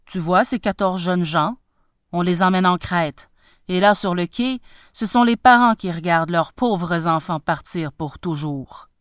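A woman voicing a gruff old male sailor in a storybook reading, blunt and loud. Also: fairly low pitch, a little slow, dry recording, studio quality, pitched below the performer's own voice, close to an everyday voice.

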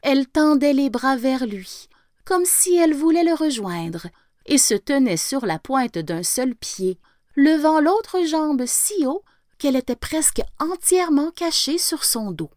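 A woman's voice: high-pitched, no room sound, studio quality. A woman reading a fairy tale aloud expressively, sometimes dropping to a whisper. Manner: expressive, slowing and whispering for effect. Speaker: storyteller. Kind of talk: storybook read-aloud.

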